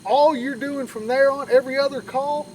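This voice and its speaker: A man's voice: extremely high pitch, steady tone, moderate pace, darkish tone. A man giving an informal, conversational outdoor tutorial as an instructor, with a folksy manner, repeating points for emphasis. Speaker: duck calling instructor. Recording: distant mic outdoors, faint background noise.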